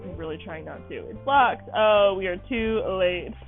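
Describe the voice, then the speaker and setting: A woman's voice: mid-range voice, moderate pace. A tired woman hosting a casual let's-play, talking in a chatty, rambling, apologetic way while she plays. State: tired, yawning. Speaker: gaming channel host. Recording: tinny phone-like audio, faint music.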